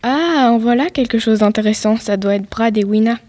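A woman's voice: fairly high pitch, normal speed, a little mellow, no room sound, lightly acted. A woman reading the lines of a female interrogator at a secret hideout, in her own plain voice. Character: female interrogator, polite then careless.

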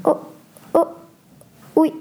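A frightened teenage girl stammers in a high, soft-toned voice, as a woman reading a storybook puts her on. The sound is mellow rather than bright. She sounds jittery throughout. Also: lively intonation, a little slow. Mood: scared. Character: frightened 15-year-old girl in a forest tale.

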